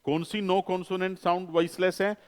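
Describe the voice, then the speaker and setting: A man's voice: sits high, little pitch movement, fairly quick, big-room sound. A man teaching a phonetics class, asking questions and answering them himself, repeating key terms and mixing in English phrases. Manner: mixes English phrases into the lecture. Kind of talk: classroom lecture.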